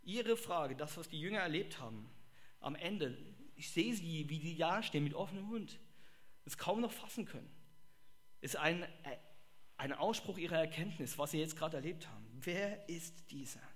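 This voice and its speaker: A man preaches a sermon in a high, bright voice. He talks in an animated way, bursting into exclamations and acting out the people he quotes. His tone is sharp and forward. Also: normal speed.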